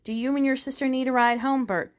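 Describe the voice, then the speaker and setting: A woman's voice: high voice, fairly even intonation, brisk, slight background noise, pitched above the performer's own voice, lightly acted. A woman reading aloud, voicing a kindly male sheriff who speaks with assurance. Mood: reassuring.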